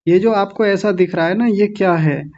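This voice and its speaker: A man's voice: high voice, a little mellow, lo-fi sound. A man teaching an online class on chant pronunciation. He corrects his students patiently and repeats sounds, drawing syllables out one at a time. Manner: slow, drawn-out syllable-by-syllable chanting demonstrations.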